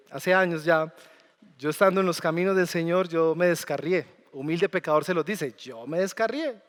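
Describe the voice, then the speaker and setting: A man's voice: high-pitched, clean tone. Man, pastor, casual sermon with questions to the flock, long church reverb. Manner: conversational preaching with questions to the congregation. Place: church sanctuary.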